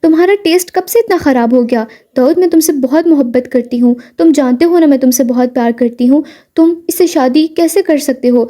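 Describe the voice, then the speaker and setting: A woman's voice: high-pitched, warm tone, natural voice. A woman voicing a heartbroken young woman, tearful and pleading.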